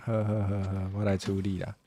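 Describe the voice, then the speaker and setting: A man's voice: on the low side, level tone, fast talker, warm tone, slight background noise. A man from Taiwan streaming a game in casual chat, playful and laughing often.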